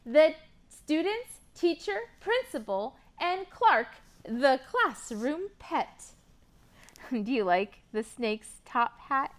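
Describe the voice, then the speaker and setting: Leading picture-book reading and a sing-along at a library storytime, a woman speaks at a slow pace in a high, very animated voice. She reads with lots of expression and asks the young children encouraging questions.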